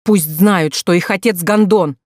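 A narrator voicing a furious, betrayed young wife who shouts crude accusations in an audiobook. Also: medium pitch, unhurried, no echo, studio quality, natural voice.

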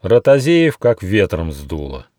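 A man reading his own fairy-tale audiobook in an expressive storybook narration. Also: low-pitched, unhurried, no room sound, clean studio sound. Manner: expressive, animated.

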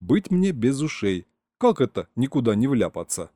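Male audiobook narrator, lively and expressive, dry studio sound. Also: medium pitch, normal speed, no room sound. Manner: lively, first-person. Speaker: audiobook reader. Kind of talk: audiobook narration with character voices.

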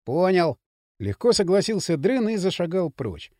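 A male audiobook narrator with an expressive, dramatic delivery. His pitch sits a bit high and moves widely, and his tone is dark and mellow. The recording is dry, with no room sound. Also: normal speed, dry recording. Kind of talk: scripted narration.

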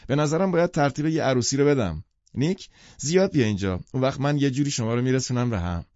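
A man's voice: lowish voice, expressive, dark tone, no echo, lo-fi sound. A man narrating an audiobook who voices a playful, insistent young woman, a wealthy socialite. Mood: teasing.

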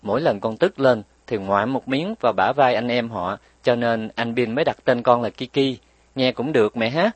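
A man's voice: moderate pace, dry recording, close to an everyday voice. A man voicing a playful, stubborn little girl who bites her playmates, speaking cheekily in a raised voice. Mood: cheeky. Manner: pleading, cheeky, raised pitch.

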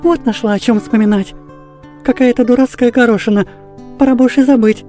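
A woman reading aloud voices a loud, bossy schoolgirl who scolds her classmates. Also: on the high side, steady tone, a little fast, soft background music, pitched above the performer's own voice, natural voice. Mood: scolding.

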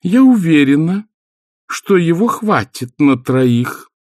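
A shrill, haughty bossy wife. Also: male voice, big pitch swings, takes it slowly, a little mellow, no room sound, clean studio sound, exaggerated voice. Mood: martyred. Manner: high, prim, firm and condescending. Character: Mrs War, haughty former valkyrie wife, bossy and nagging. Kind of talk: audiobook character voice.

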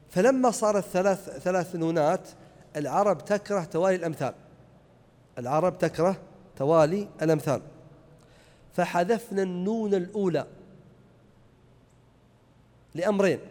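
High-voiced man teaching grammar. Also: dark tone. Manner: repeats key points, checks students understand. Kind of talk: explaining a grammar lesson. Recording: echoey hall reverb.

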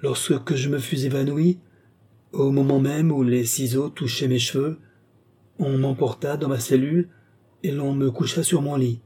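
Male reader voicing a young woman in a trance, flat monotone, warm husky tone. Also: mid-range voice, moderate pace, pitched above the performer's own voice, lightly acted. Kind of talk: audiobook character reading.

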